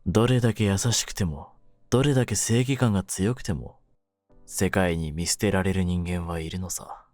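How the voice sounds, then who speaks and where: Voicing a young mafia kidnapper who is jaded and domineering yet secretly tender, a young-adult male actor speaks to the listener in a Japanese situation-voice drama. His low, rough, cool delivery is deliberate, steady and a little mellow, cold and resigned, lightly acted over faint background music in a dry recording.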